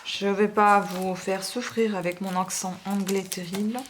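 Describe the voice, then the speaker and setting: A woman's voice: medium pitch, level tone, unhurried. Woman, vlogger, casual unboxing chat, hesitant, fillers, noisy home recording, crinkling packaging. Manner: chatty, hesitant, many fillers. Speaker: beauty vlogger. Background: wind noise and plastic crinkling.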